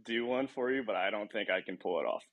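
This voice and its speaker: A young man with a lowish voice talks casually as a podcast host. He rambles, pokes fun at himself and laughs a lot. The sound is close and dry, and he seems a bit worn out. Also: fast talker, no echo, muffled recording. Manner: rambling, self-deprecating, laughs often. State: tired. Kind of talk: casual chat.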